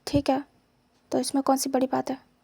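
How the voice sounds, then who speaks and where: A composed male teacher who speaks in terse, firm sentences, voiced by a woman in a high but flat and even tone. The sound is warm and dry, close to the mic. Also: normal speed, vocal fry, no room sound. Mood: reassuring. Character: calm stern male teacher, reserved.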